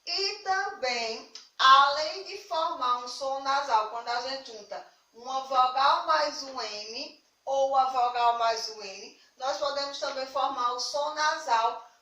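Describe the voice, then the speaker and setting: Brazilian woman, primary teacher, warm and patient; a little away from the mic. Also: high voice, reverberant, far from the mic, poor audio. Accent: Brazilian Portuguese. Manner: affectionate, slow and patient, stresses key words. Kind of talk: recorded remote class for young children.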